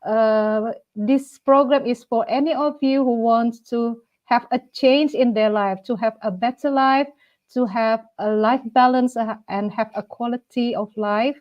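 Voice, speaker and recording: A woman in her forties, originally from Indonesia, hosts a live-streamed talk show in a fairly high voice. She talks with frequent hesitant fillers and restarts, and the stream audio sounds dull and lo-fi. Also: steady tone, a little slow. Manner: hesitant, many fillers, speaks as a second-language speaker. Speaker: host of live talk program.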